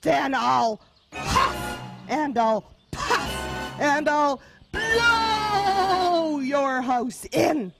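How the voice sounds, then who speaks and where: The big bad wolf of a children's puppet show, greedy and boastful, played by a woman, with a very high, lively voice that swoops from sly crooning to gloating shouts. He drags his words out slowly. Loud music plays behind him. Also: creaky, exaggerated voice. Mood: blustering. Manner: growling, gloating threats, shouts.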